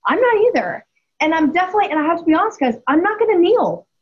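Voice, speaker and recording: A woman's voice: very high voice, sing-song, fast. A woman in her forties, speaking as a guest and telling a story candidly, with emphasis and frequent restarts. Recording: dull lo-fi audio.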